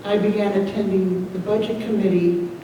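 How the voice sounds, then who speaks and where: A woman giving a slow, measured, earnest public comment at a town meeting. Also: mid-range voice, steady tone, warm tone, highs cut off, a little hiss or hum. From United States. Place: school gym at a town meeting. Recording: echoey hall from far off.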